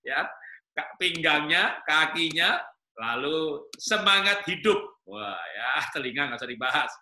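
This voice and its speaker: A man's voice: on the high side, expressive, measured pace, bright, forceful tone, roomy sound. A man preaching a humorous sermon to married couples, teasing the listeners with questions and jokes. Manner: joking, teasing the audience with questions.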